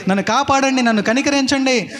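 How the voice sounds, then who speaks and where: A man's voice: very high-pitched, brisk, fairly bright tone, pitched above the performer's own voice. A man voicing a drowning young man who desperately pleads to be rescued. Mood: desperate pleading.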